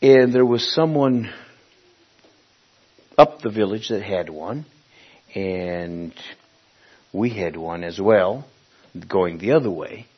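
This is a sermon full of personal storytelling from a male preacher from Honduras whose voice is husky, fairly low, and animated. He talks conversationally, pausing and groping for the right words, captured on a muffled, dull lo-fi recording.

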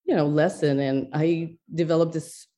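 A woman's voice: low-pitched, steady tone, normal speed, warm tone. A middle-aged woman from Ecuador, a neuroscientist, speaking thoughtfully in an interview with many fillers and restarts. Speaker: neuroscientist guest.

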